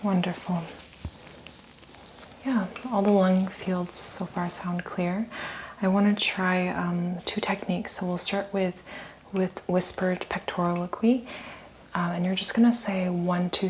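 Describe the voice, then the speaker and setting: Softly whispering woman examiner. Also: on the low side, level tone, a little slow, a little hiss or hum, rough recording. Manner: soft whispering, gentle step-by-step instructions. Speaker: clinician giving a physical exam. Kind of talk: ASMR medical exam roleplay.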